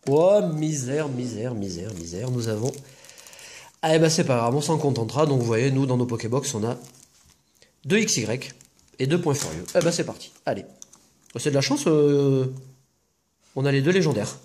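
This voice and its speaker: A man's voice: mid-range voice, normal speed, pauses often, darkish tone. A man hosting a casual unboxing video, talking to viewers in a chatty, rambling way with jokey asides. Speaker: video host opening trading-card boxes.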